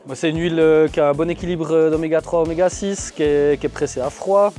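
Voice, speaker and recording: A man's voice: on the high side, steady tone, fast talker, mellow. A man, explaining his work casually as an interview guest. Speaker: farm centre manager, interview guest. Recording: music behind the voice.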